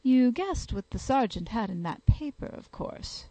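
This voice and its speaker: A composed, methodical doctor-detective who lays out his reasoning in even, careful sentences, read by a woman in an audiobook. The sound is dry and close. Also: on the high side, measured pace, no echo, low-quality recording. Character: calm, precise male doctor-detective.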